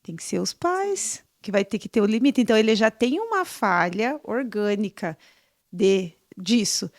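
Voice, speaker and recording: A woman's voice: mid-range voice, expressive, moderate pace, dry recording. Chatty woman podcast host, dry sound. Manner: chatty, storytelling. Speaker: podcast host, clinic professional. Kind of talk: podcast interview.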